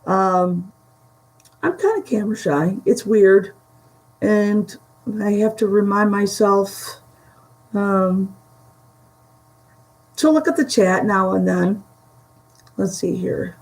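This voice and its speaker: A gravelly, mid-range voice belongs to a Buffalo-area woman with a Western New York Great Lakes accent, chatting casually on a live stream from home. She talks slowly, haltingly, with lots of pauses and fillers, over poor audio.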